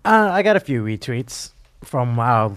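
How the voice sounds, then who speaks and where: Low-key man giving brief replies. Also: very animated, a little slow, fairly bright tone, no echo. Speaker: podcast regular. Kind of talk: casual podcast chat.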